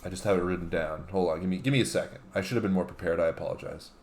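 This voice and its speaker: A man with a fairly low voice and a darkish tone is a guest on a comedy show, bantering casually. He reads tweets and other posts aloud, then explains them haltingly and sometimes apologetically.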